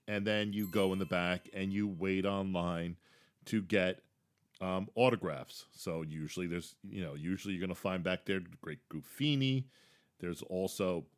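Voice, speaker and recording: Chatty man with a lowish voice giving park tips. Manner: chatty, enthusiastic, repeats words when restarting. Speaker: podcast host. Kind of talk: casual theme-park tips talk.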